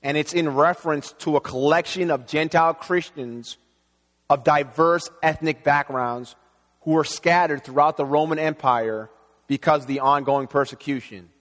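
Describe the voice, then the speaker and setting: A man born in Haiti, preaching an earnest, measured sermon as pastor. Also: on the high side, fairly bright tone. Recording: long reverb in a hall.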